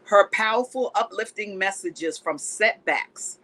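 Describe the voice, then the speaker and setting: Woman, TV show host, faith-based interview, effusive, mid pitch. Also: measured pace, fairly bright tone, rough recording.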